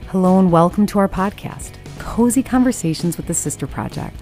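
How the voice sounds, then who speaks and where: A woman's voice: medium pitch, expressive, a little fast, darkish tone, faint music behind. A woman with an American Midwestern accent and a wheezy laugh, co-hosting a casual podcast in a wry, teasing, emphatic way. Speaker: podcast co-host. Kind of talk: casual chatty podcast banter.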